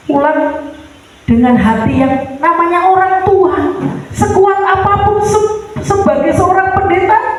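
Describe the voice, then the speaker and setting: A woman preaching a sermon, emphatic and storytelling, in a large church hall. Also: slight background noise. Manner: emphatic, storytelling, swinging pitch. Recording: echoey church hall, mic far off.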